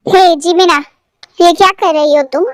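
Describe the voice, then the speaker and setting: A woman's voice: very high-pitched, fairly even intonation, moderate pace, no room sound, studio quality. A woman voicing a proud, brusque young man in a fan fiction story read aloud, speaking curtly.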